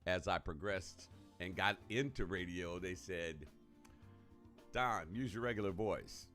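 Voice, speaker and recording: A man's voice: low-pitched, fairly bright tone. A man hosting a live radio show, talking casually and colloquially and laughing often. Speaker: radio host.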